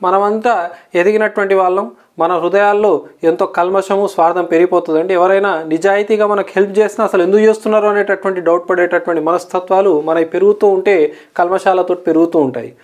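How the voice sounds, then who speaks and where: A woman's voice: medium pitch, fairly even intonation, darkish tone. Woman teaching English vocabulary, Telugu accent. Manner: explains words slowly, spells them out letter by letter, checks "okay?". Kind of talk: recorded vocabulary lesson.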